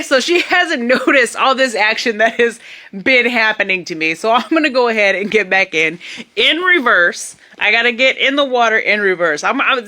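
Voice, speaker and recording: A young woman animatedly telling a comic travel story to her camera. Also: a little high. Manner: animated, puts on voices for others. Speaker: vlogger. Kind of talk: casual storytelling.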